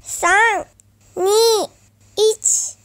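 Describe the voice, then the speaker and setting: A woman voicing a cheerful little countdown voice, counting slowly in a squeaky, sing-song way. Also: steady tone, a bit bright, full character voice.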